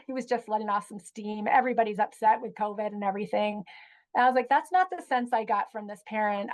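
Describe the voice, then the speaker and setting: A woman educator telling a personal story in a relaxed interview, with frequent ums and you-knows. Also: a little high, rough recording. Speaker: guest educator. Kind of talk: conversational storytelling.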